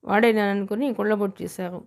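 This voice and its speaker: A woman's voice: medium pitch, steady tone, fast talker, close to an everyday voice. Bruised, complaining young man, read by a woman narrator; weary storybook part. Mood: self-pitying.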